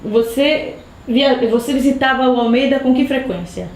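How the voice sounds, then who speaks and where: A woman's voice: high-pitched, moderate pace, a little mellow. A woman interviewer asking short, prompting questions in an oral history interview. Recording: echoey room, faint noise.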